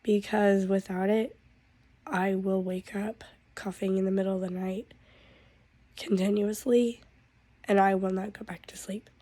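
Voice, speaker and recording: A woman vlogger with a hoarse, worn-out voice from a cold, talking in a weary, drawn-out way. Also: mid-range voice, flat delivery, warm tone, no room sound. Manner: drawn-out, weary talk with a cough. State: hoarse from losing her voice; stuffed up with a cold. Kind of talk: casual vlog update.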